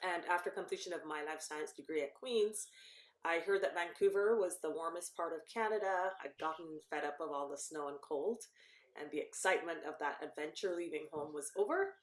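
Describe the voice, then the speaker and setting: A woman in her fifties speaks in a low, deep register, laying out her research in long explanations. She catches and corrects herself along the way, and the room around her adds a clear echo. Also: a little fast. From Barbados. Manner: explains at length, self-correcting with ums. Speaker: professor and cancer researcher. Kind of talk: guest in a podcast interview. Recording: roomy echo.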